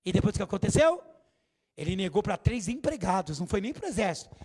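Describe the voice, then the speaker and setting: A man preaching a sermon as bishop in a church, lively and theatrical. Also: sits high, quick pace, slightly rough. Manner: animated, theatrical preaching with acted quotes.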